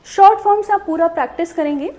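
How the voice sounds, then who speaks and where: A woman's voice: very high-pitched, fast talker, mellow. A woman teaching a shorthand lesson on video, explaining step by step and asking questions she then answers herself.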